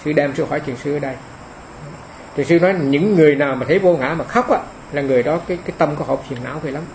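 Man, fairly high gravelly voice, homely dharma talk that circles back on its phrases. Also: rapid-fire, darkish tone, slight background noise, rough recording. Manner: homely, repeats phrases for emphasis. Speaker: monk giving a dharma talk.

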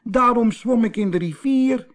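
A man's voice: extremely high pitch, unhurried, voice pushed up. A man voicing a small young mermaid girl who sobs and pleads to run off to the circus. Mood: tearful. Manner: sobbing, pleading. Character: young crying female mermaid, small and wistful.

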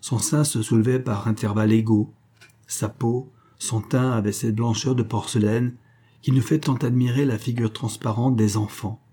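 A man narrating a classic novel as an audiobook in a calm, even reading. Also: mid-range voice, normal speed, husky.

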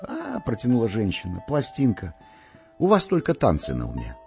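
A man reading an audiobook, voicing an indignant middle-aged woman on a train who scolds in a shrill, high voice. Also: wildly swooping pitch, a little fast, gravelly, a little mellow, highs cut off, faint music behind. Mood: indignant scolding.

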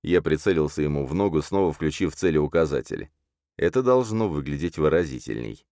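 A man reading a first-person crime thriller audiobook, with a low, dry voice that leaps up sharply for shouted threats. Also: animated, fairly quick, no room sound. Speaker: audiobook narrator.

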